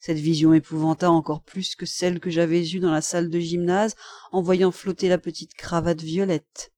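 A woman narrates a classic novel in a warm, mellow voice, measured and expressive in her storytelling. Her reading is recorded close and dry, with no room sound around it. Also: on the low side, dry recording. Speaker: audiobook reader. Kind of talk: scripted literary narration.

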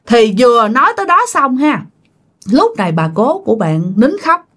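A woman tells a ghost story in a casual, chatty way. She talks straight to her listeners. Her fairly high voice moves through a wide, animated range. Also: moderate pace. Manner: chatty, addresses listeners directly.

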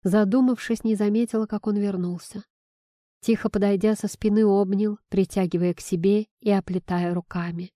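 A woman reading an audiobook aloud in first-person narration, with a measured, expressive delivery. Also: mid-range voice, dry recording, studio quality.

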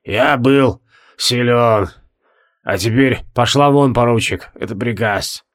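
Man voicing a hoarse dying wizard marshal. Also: medium pitch, natural voice. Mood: weak, bitter. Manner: slow, curt commanding. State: hoarse, barely audible. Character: dying one-eyed male wizard marshal, stern and proud. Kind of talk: audiobook character voice.

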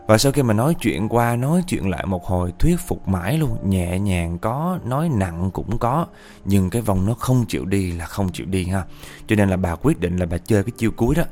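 A man telling a ghost story in a chatty, animated way, often speaking to his listeners. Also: lowish voice. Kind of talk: casual ghost-story narration.

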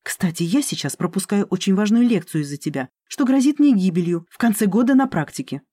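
The audiobook narrator voicing a young female student who protests loudly and with rising indignation. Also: mid-range voice, lively intonation, fairly quick, no echo, lightly acted. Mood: indignant. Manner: raised, protesting voice. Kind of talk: audiobook character reading.

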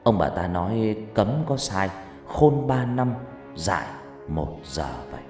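A man's voice: deep voice, very animated, unhurried, a little mellow, reverberant, long reverb tail, soft background music. A man narrating a first-person ghost story in a dramatic, scripted telling.

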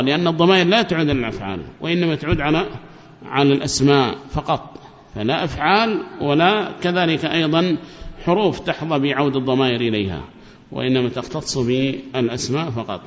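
A man teaching a lecture on religious rulings, explaining carefully and repeating key phrases. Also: fairly high pitch. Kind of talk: classroom lecture on Quranic rulings. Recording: dull, echoey lecture recording.

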